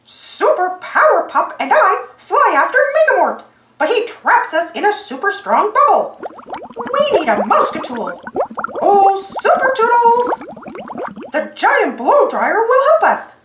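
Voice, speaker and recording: A woman voicing a cheerful, heroic little male cartoon mouse telling his adventure eagerly in a high voice. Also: big pitch swings, measured pace, reverberant, heavy background noise, exaggerated voice. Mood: excited. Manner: eager, exclamatory.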